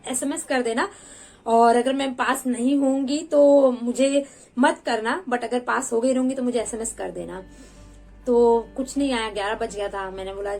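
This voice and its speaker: A woman's voice: on the high side, creaky, a little mellow, low-quality recording. A woman in her twenties telling a personal story in a candid, chatty way, with English words mixed into her talk. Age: 20s. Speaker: vlogger.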